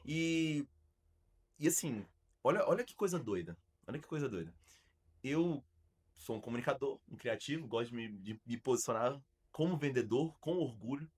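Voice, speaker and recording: A man's voice: medium pitch, animated, normal speed, husky. A man with a Brazilian Portuguese accent, hosting a podcast as an arts school founder, telling stories emphatically with frequent restarts. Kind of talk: casual podcast chat.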